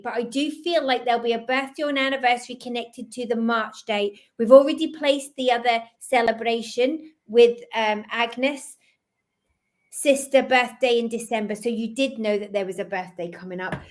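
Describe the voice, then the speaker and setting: A woman with a slight Scottish accent giving fast, gentle, reassuring psychic readings on a live video stream. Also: a little high. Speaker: psychic medium. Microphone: video call.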